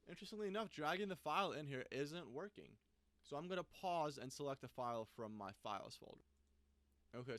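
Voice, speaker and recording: A man giving a casual screen-recorded software tutorial, thinking aloud as he clicks through the app. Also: mid-range voice, no echo. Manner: thinks aloud while clicking, loose and conversational. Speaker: software reviewer.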